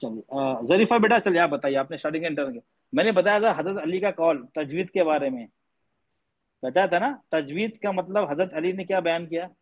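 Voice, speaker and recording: Male tajweed teacher, high voice, patient and repetitive, dull lo-fi class audio. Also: fairly quick. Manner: patient, repeats points, quizzes students; mixes English words into speech. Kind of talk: online class lecture. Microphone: online class audio.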